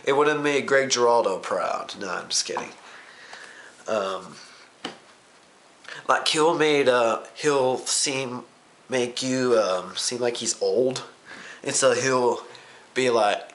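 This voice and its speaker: A man's voice: mid-range voice, takes it slowly, pauses often, fairly bright tone. A young man talks through a casual vlog recap, rambling loosely and full of ums. He swears offhandedly and keeps jumping from one thought to the next. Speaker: vlogger.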